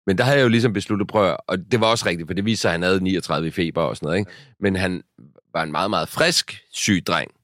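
A man's voice: deep voice, a bit bright, no room sound, clean studio sound. A man in his thirties, a podcast co-host, telling a story in casual chat with many fillers and restarts.

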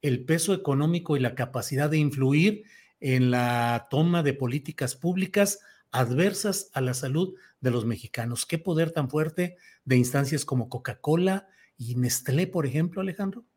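A man hosting a live news programme, with a measured, formal and wordy way of talking. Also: fairly high pitch, a little mellow, breathy edge.

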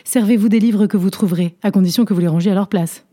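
A woman voicing a stately older landlady who speaks in a polite, measured, formal way, as a storybook figure. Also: mid-range voice, warm tone, lightly acted. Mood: courteous.

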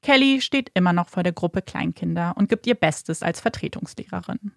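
Woman narrator, true-crime podcast, measured dramatic read, gravelly, dry studio. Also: lowish voice, animated, dry recording.

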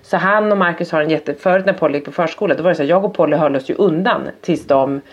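Animated woman storyteller, low voice. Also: slightly rough. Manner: animated storyteller acting out her son's outbursts. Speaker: podcast guest telling a parenting story. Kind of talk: casual chat. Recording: slightly dull lo-fi sound.

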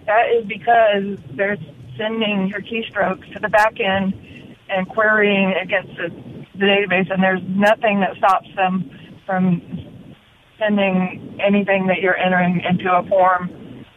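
A woman's voice: medium pitch, little pitch movement, unhurried. Woman caller on a clipped phone line. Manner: explains technical detail plainly. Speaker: radio show caller. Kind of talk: call-in radio chat. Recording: tinny phone line, faint hiss.

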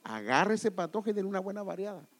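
A man's voice: high voice, big pitch swings, quick pace. A man preaching a sermon, acting out voices and calling listeners brother. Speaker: pastor.

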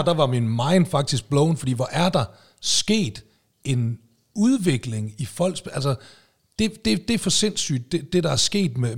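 A middle-aged man co-hosting a casual chat podcast, telling stories in a laid-back way with easy laughs. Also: mid-range voice. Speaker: podcast co-host.

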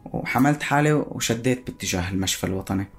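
A man with a Syrian Arabic accent giving personal spoken testimony in a halting way, searching for words. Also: fairly low pitch, soft background music.

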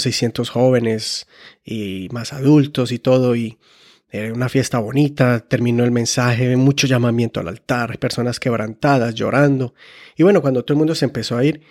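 A man's voice: medium pitch, a little mellow. A man preaching a sermon, earnestly telling stories and correcting himself as he goes. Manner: earnest, often acts out quoted dialogue; frequent restarts and self-corrections. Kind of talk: sermon with personal storytelling.

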